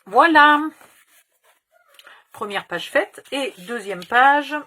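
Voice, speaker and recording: A woman's voice: lowish voice, expressive, normal speed, fairly bright tone, slight background noise. A woman in her fifties hosting a crafting tutorial, chatting casually and rambling through a story with casual swearing. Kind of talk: casual chat while crafting.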